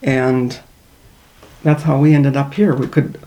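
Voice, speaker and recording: A woman's voice: extremely low pitch, steady tone, slow, dark tone, poor audio. An older woman from northern Minnesota with a Minnesota accent, telling stories in an oral history interview, chatty and laughing between them.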